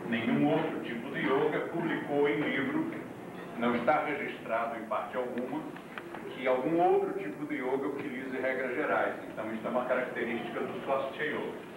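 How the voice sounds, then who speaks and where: A man teaching a yoga class in a deliberate, explanatory way, heard on an old VHS tape recording. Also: mid-range voice. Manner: deliberate, explains terms one by one, with asides to the class. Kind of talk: classroom lecture. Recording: echoey, distant, noisy old VHS recording.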